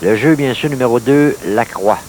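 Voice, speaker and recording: A man with a Quebec French accent calling play-by-play in the manner of a golf commentator, in measured, clipped phrases that follow each shot. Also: medium pitch, darkish tone. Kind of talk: golf-commentator style play-by-play of a mini-putt match. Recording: noisy late-1980s TV sports recording.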